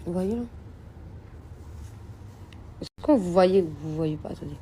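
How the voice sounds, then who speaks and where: A woman's voice: lowish voice, unhurried, mellow, slight background noise. A young woman, chatting casually to her followers in a rambling phone vlog from a hotel room. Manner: chatty, rambling, addresses viewers as princesses and girls. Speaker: vlogger.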